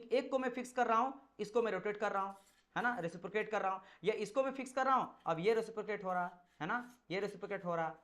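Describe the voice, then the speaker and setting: Male teacher explaining with repeated questions. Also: high-pitched. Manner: repetitive, checks understanding with rhetorical questions; mixes English technical terms into explanations. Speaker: engineering exam teacher. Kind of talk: classroom lecture.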